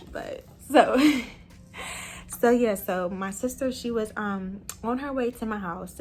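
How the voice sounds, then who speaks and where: A young woman casually telling a personal story to her viewers, chatty and animated, full of fillers. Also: mid-range voice. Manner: chatty, animated retelling with many fillers and laughs.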